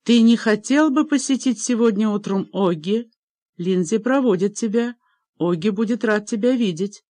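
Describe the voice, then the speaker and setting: A woman's voice: mid-range voice, normal speed, warm tone, dry recording, pitched above the performer's own voice, lightly acted. A woman reading aloud and voicing a young lady of the castle who speaks courteously and coaxingly.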